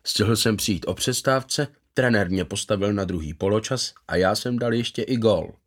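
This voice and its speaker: A man voicing an eager, gentle fifty-something man. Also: lowish voice, lightly acted. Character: gentle content man in his fifties, former footballer. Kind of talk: voiced character in a read story.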